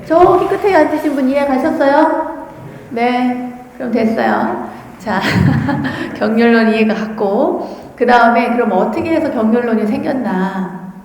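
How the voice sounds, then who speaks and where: A woman's voice: on the high side, expressive, a little slow, darkish tone. A woman, a Buddhist nun, giving a dharma talk and telling a story, asking her audience questions as she goes. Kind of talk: sermon. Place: large temple dharma hall. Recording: echoey hall with long reverb.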